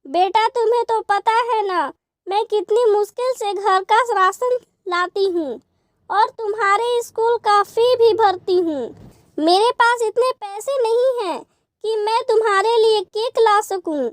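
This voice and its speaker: A woman voicing a worried, gentle, poor young mother in a cartoon story. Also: very high voice, unhurried, no room sound.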